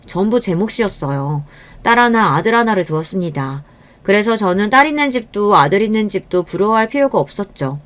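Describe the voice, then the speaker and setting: A middle-aged woman telling a first-person story in a calm, confiding, rueful tone. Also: medium pitch. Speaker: story narrator.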